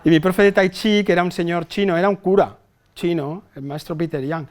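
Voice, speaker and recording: A man's voice: sits high, steady tone, brisk. A middle-aged man, a psychologist, giving a chatty, humorous talk to a live audience, telling stories, swearing casually and checking the crowd follows. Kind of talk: humorous conference talk to nurses. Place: hospital hall with a live audience.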